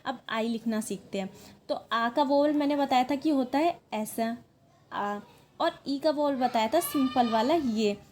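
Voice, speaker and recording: Her voice sits high with a somewhat dark tone, and a little background noise can be heard. She is a Marathi-speaking teacher leading a language lesson, explaining things patiently one step at a time while checking in with "ठीक है" again and again.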